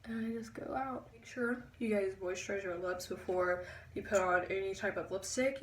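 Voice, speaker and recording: A young woman giving a chatty makeup tutorial, pausing as she concentrates. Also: medium pitch, darkish tone, distant mic, slight background noise. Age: young adult. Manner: chatty, halting while concentrating. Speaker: beauty vlogger. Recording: echoey room, a bit off-mic.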